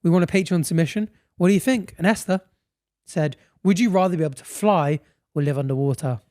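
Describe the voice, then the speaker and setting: Male podcast co-host, high and excitable, jokey, dry close sound. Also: brisk, no echo. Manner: excitable, laughs a lot, jokey. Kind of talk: casual chat.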